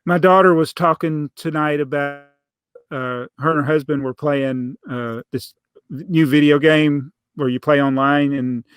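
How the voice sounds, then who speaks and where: A man's voice: a little high, steady tone, measured pace, fairly bright tone, smooth, no echo. A middle-aged man hosting a podcast, telling rambling stories in a casual chat and laughing often. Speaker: podcast host.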